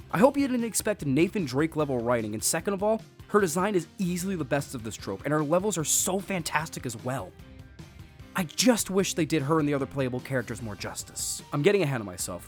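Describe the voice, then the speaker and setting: Male game reviewer, sarcastic and jokey, animated pitch, scripted voice-over with low music bed. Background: faint background music.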